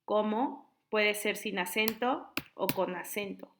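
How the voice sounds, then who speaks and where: A woman, an online high school tutor patiently explaining spelling to her students. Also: takes it slowly, slight background noise.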